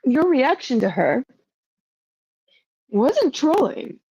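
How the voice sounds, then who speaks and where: Rambling, emotional woman streamer with a gravelly voice. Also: high-pitched, very animated, slow, warm tone, dry recording, highs cut off. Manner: rambling, emotional, self-doubting; frequent "like" fillers. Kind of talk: casual livestream talk to chat.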